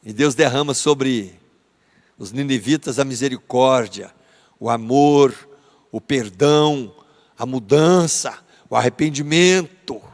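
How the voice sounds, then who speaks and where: A man with a Brazilian Portuguese accent, a pastor teaching a church Bible lesson in an animated, dramatizing, chatty way. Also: medium pitch, takes it slowly. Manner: animated, dramatizing, conversational with tag questions. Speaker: pastor teaching a theology course. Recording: long church-hall reverb.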